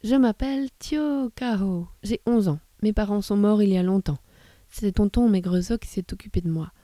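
A woman voicing an orphaned eleven-year-old boy, speaking slowly. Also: mid-range voice, warm tone, no echo, studio quality, lightly acted. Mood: earnest.

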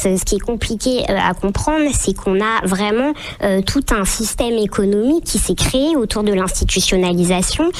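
A woman activist explaining her position off the cuff, insistent, pausing often as she goes. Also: medium pitch, a little mellow. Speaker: activist and lawyer. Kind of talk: spontaneous spoken explanation.

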